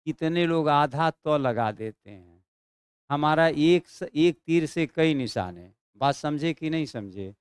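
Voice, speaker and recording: Guy teaching a hindi exam class, slightly high voice, keeps asking if you got it, dry sound. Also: animated, clean tone, no room sound. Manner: dictates slowly, drawing out and repeating words; checks in with students often.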